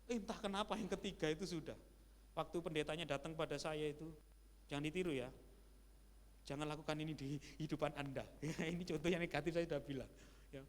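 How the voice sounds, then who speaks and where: A male pastor preaching a sermon in a conversational style, with lively asides to the congregation. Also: on the high side, fast. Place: church sanctuary. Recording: church hall reverb with faint hum.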